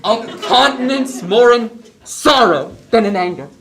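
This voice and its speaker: A woman's voice: a little high, animated, measured pace, crowd noise. A young woman playing an earnest, solemn, loyal courtier, declaiming Shakespeare formally and with measure on stage. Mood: earnest, dutiful. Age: young adult. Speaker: student actor. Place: school theatre stage. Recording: echoey stage hall.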